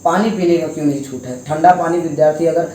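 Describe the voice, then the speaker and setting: Young male student, emphatic, rhetorical questions, higher voice, mellow tone, heavy echo. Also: fast. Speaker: student speaking out. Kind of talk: impassioned interview answers. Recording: very echoey with faint noise.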